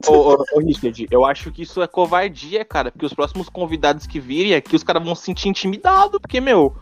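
A man's voice: a little high, big pitch swings, highs cut off, faint music behind. A man co-hosting a casual podcast, joking and putting himself down as he rambles. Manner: joking, self-deprecating, fast and rambling. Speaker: podcast co-host.

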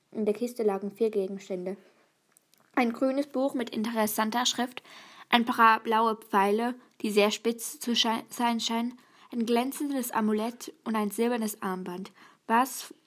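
Woman, higher voice, self-reading a quiz on camera; quick, stumbly, whispery asides. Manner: reads quickly, stumbles and restarts, sometimes drops to a whisper. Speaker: video host taking a quiz. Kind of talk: reading a quiz aloud and answering.

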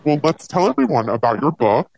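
A host talking through a voice changer that lowers the pitch into a deep robotic tone, chatting casually and upbeat in a live audio interview. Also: sing-song, brisk, vocal fry, a little mellow, slightly rough, dry recording, rough recording. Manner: chatty, upbeat, filler-heavy.

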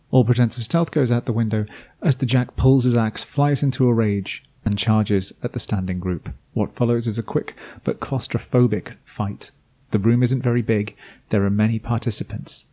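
A man narrates a scripted tabletop campaign recap as game master. His voice is low, mellow and a bit husky. He drops in dry, self-deprecating asides along the way. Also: fairly even intonation, normal speed. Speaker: game master and podcast host.

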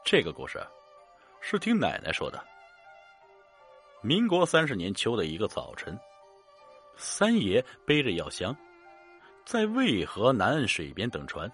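A man hosting and narrating a ghost story in a hushed, suspenseful way. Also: on the low side, huge pitch swings, measured pace, pauses often, soft background music. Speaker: storyteller host.

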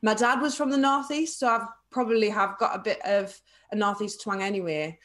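A woman's voice: medium pitch, steady tone, fairly quick, a bit bright. A young woman from Carlisle, chatting as a guest in a live online interview, talkative, with frequent fillers and laughs. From Carlisle, England.

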